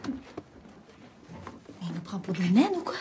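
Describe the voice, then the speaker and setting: A woman's voice: mid-range voice, big pitch swings, slow, mellow, a little hiss or hum. An actress playing a bold, teasing young woman with a Québécois accent in film dialogue. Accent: Québécois French. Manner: brash and teasing. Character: bold, cheeky young woman hunting for a prince. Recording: music underneath.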